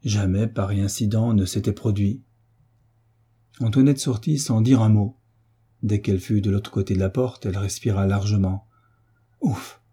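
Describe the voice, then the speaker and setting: Dark-toned man reading a classic novel. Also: on the low side, steady tone, normal speed, slightly rough. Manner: lifts his voice for the characters' lines. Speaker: narrator.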